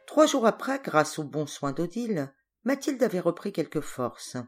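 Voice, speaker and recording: A woman narrating a story for an audiobook in a measured, clear reading voice. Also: on the low side, big pitch swings, soft background music. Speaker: audiobook reader. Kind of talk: scripted narration.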